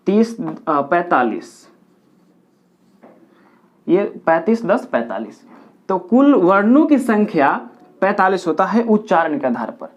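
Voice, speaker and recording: A man teaching a grammar lesson at a board, counting aloud step by step and repeating key points for his pupils. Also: sits high. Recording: dull lo-fi recording.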